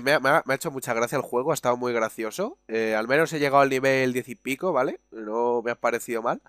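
A young man with a Spain Spanish accent doing let's play commentary, swearing and yelling in frustration, then chatting in a relaxed way. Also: medium pitch, smooth, no echo, clean studio sound. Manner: laid-back chatty outro. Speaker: gaming youtuber.

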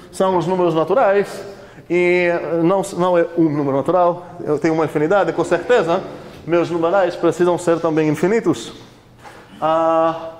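A man's voice: fairly high pitch, slight background noise. A man lecturing a university class in a conversational way, questioning the students often, with many fillers.

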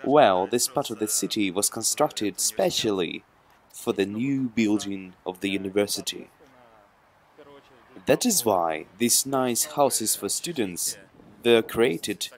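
A young man explaining a neighborhood outdoors in a steady, fluent way. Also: fairly low pitch, slow, low-quality recording. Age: young adult. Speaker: local guide friend. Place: outdoors in a housing district.

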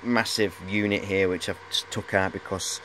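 A low, fairly bright voice with little pitch movement comes from a man in his forties speaking at normal speed on a rough recording. He's a hobbyist casually and hesitantly showing off high-voltage equipment, rambling like he's talking to a mate. The clip was shot in a cluttered workshop on a handheld camera held at arm's length, background noise clearly present.

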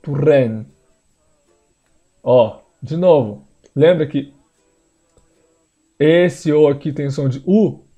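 A man, teaching pronunciation in a screen-share lesson, repeating words slowly for learners. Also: a little high, mellow, lo-fi sound, soft background music. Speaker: language teacher.

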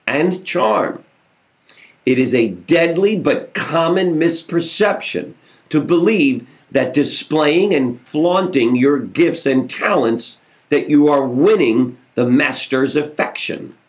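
A middle-aged man hosting a daily motivational message, talking with animated, emphatic phrasing at his desk. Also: mid-range voice. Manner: lively, animated delivery with slow, emphatic phrasing. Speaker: motivational host. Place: home office with bookshelves behind.

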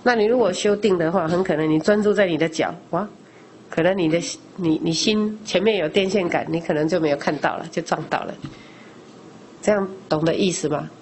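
A woman's voice: medium pitch, a little hiss or hum. Lay Buddhist woman teaching a Dharma class. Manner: explains by asking rhetorical questions and answering them; frequent discourse particles, conversational teaching.

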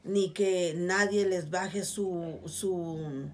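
Earnest middle-aged Guatemalan woman, low voice. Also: fairly even intonation, extremely slow, darkish tone, slight background noise. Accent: Guatemalan Spanish. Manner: earnest, pleading, repeats "please, guys". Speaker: vlogger. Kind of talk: casual heartfelt appeal to viewers. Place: small indoor room with curtains.

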